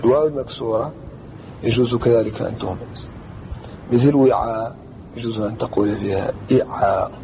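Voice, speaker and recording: A man teaching a traditional Arabic grammar lesson, explaining slowly and deliberately and chanting lines of verse as he repeats them. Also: medium pitch. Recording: dull lo-fi recording with faint background noise.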